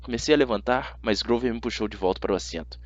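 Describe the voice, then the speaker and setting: A Brazilian man reads a first-person fantasy story for young readers as an amateur audiobook narrator, expressive and conversational in tone. He has a mid-range voice and talks fast. The recording has no room sound and its highs are cut off.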